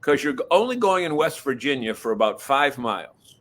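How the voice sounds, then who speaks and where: A man's voice: mid-range voice, sing-song, fairly quick, a bit bright. A man co-hosting a casual talk show, easygoing and given to teasing his partner. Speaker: co-host. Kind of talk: casual chat.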